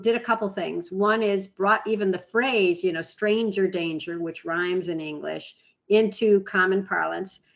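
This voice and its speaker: A woman's voice: mid-range voice, gravelly, lo-fi sound. A woman in her sixties with an American accent, an author speaking animatedly in an interview. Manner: expressive, laughs readily. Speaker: author guest. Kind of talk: conversational interview.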